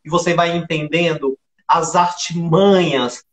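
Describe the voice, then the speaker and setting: A man's voice: on the high side, steady tone, unhurried. A man with a Brazilian Portuguese accent hosting a live stream, summing up his guest's points for the viewers. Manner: sums up for viewers, addresses the audience. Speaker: host. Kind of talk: casual chat on a live stream.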